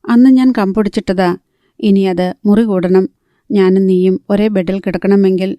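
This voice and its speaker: Grumpy sarcastic young guy, read by a lady, blunt, mellow low-key tone, dry sound. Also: steady tone, normal speed, no room sound, lightly acted. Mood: grumbling. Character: young man, irritable smoker, sarcastic.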